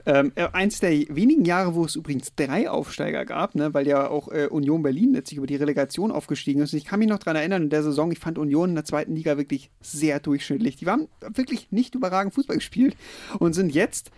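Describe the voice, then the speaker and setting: A man's voice: on the high side, expressive, fast talker, darkish tone, no room sound. A man co-hosting a podcast in casual chat, talking freely with frequent fillers. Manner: chatty, many fillers. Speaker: podcast co-host.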